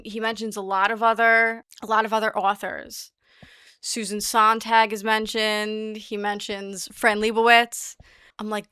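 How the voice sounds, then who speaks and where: Bright chatty woman vlogger. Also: mid-range voice, smooth, no room sound, clean studio sound. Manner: chatty, repeats words and restarts often. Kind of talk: casual chat about films and books.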